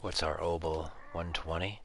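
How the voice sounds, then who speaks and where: Low, flat-voiced man with a stuffy nose. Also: moderate pace, a little hiss or hum. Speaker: gamer. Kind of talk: casual gameplay commentary.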